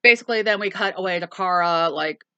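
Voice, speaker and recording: Woman co-host, lower-pitched, bright tone, rambling plot recap, dry room. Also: quick pace, smooth, dry recording, lo-fi sound. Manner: rambling, with frequent ums and plain swearing. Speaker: movie review co-host. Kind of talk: casual chat summarizing a movie plot.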